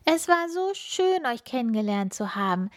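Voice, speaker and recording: A woman voicing a bright, eager young girl who is a star child in a children's Christmas story, speaking high and heartfelt. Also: very animated, moderate pace, no echo, clean studio sound. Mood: grateful.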